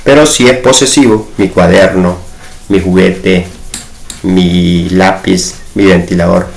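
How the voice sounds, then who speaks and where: A man explains grammar in a patient, steady way and slows down to repeat his examples. His voice is very low and gravelly. The room around him sounds echoey. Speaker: teacher. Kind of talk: spoken grammar lesson.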